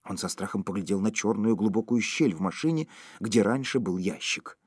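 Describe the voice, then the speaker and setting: A man's voice: on the low side, moderate pace, slightly rough, no room sound, clean studio sound. A man reading a story aloud as an audiobook narrator, telling it expressively.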